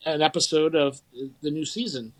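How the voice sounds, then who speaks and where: A man's voice: a little high, fairly even intonation, moderate pace, low-quality recording. A man, co-hosting a podcast in casual, rambling chat full of fillers and restarts. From St. Louis area, Midwest US. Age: 40s. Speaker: podcast co-host.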